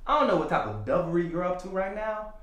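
A man acting a cocky young boyfriend in a comedy sketch, boastful with loud theatrical outbursts. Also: high-pitched, expressive, fast. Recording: echoey room with faint noise.

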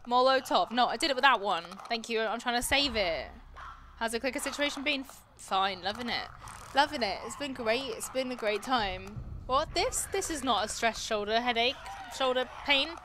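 A slightly high, expressive female voice at normal speed comes through over a noisy background. She is a young British gamer from England, livestreaming a casual let's-play, reacting under her breath and bantering with her viewers.

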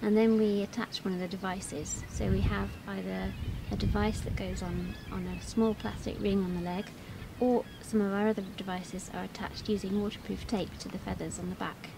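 Interviewed outdoors on an open, grassy stretch of coast, a woman in her thirties talks about her seabird field research. She speaks at normal speed in a steady, medium-pitched voice, with outdoor background noise clearly audible.

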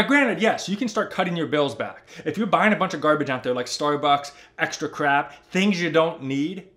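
A man in his thirties, a personal finance YouTuber, explaining over a spreadsheet in an animated, emphatic way, talking straight to the viewer from a home office. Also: fairly high pitch. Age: 30s.

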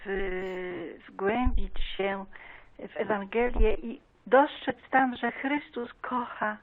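A woman answering a prank phone call, calm and hesitant, pausing with fillers. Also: fairly high pitch. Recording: tinny phone line.

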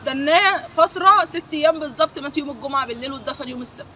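Rapid high-voiced grieving Egyptian woman. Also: pushed and bright, slight background noise, low-quality recording. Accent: Egyptian Arabic. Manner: emotional, repeated invocations against the accused. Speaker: victim's sister. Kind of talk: street interview.

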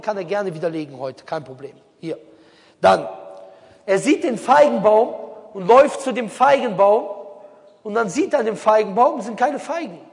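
A man's voice: sits high, long reverb tail. A man preaching on a stage to a crowd, building his case with rhetorical questions. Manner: rhetorical, keeps asking questions. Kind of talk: public religious talk to a crowd.

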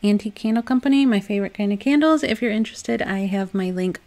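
Young woman talking through her diy decor project, chatty and upbeat, bit of vocal fry in there. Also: medium pitch, quick pace. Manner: chatty and upbeat, with soft laughs and loose restarts. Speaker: DIY home decor vlogger. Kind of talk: casual voice-over for a craft tutorial.

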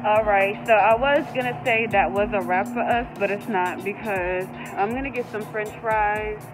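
A woman's voice: mid-range voice, moderate pace, music in the background, rough recording. A woman hosting a casual shopping vlog, chatting and teasing while talking straight to her viewers. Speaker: vlog host, mother.

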